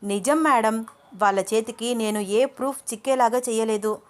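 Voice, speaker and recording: A woman's voice: fairly high pitch, normal speed, natural voice. A woman voicing a nervous, confused young female assistant who answers deferentially.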